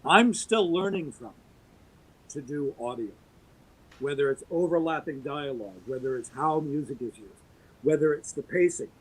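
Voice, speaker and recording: On poor audio, a middle-aged podcast guest speaks at normal speed with a breathy edge, holding forth at length in an opinionated monologue marked by emphasis and swooping pitch.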